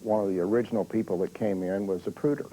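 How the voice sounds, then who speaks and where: Very deep, dark-voiced man recalling. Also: fairly even intonation, quick pace, a little hiss or hum, rough recording. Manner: plain, matter-of-fact recollection. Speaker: former TV staffer. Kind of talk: documentary interview, recalling the past.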